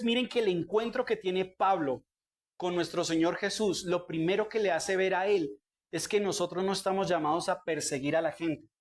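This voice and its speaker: Young male pastor, fairly high voice, preaching with pointed questions to the room. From Colombia. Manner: preaching with direct questions to the congregation. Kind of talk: sermon.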